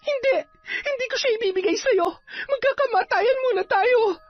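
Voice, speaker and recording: A man voicing a young mother who is frantic and protective of her baby, in a high, crying voice. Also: normal speed, dry recording, muffled recording, faint music behind.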